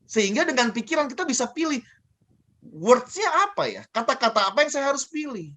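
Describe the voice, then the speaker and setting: A man giving a lively coaching talk on communication, asking and answering his own questions and repeating key phrases. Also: extremely high pitch, a little fast. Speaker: guest speaker on communication.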